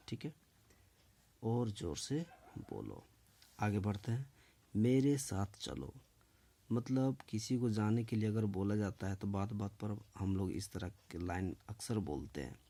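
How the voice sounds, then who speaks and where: Slow, low-voiced man teaching English. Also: dark tone. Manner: slow, deliberate dictation that repeats each phrase; often checks in with "okay". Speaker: English teacher and channel host. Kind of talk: spoken English lesson.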